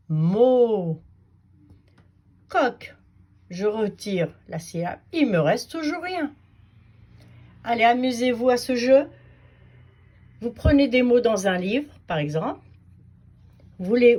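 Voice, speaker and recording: Slow, lively-voiced woman teacher. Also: fairly high pitch. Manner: slow, patient, sing-song teacher voice. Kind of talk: children's phonics lesson.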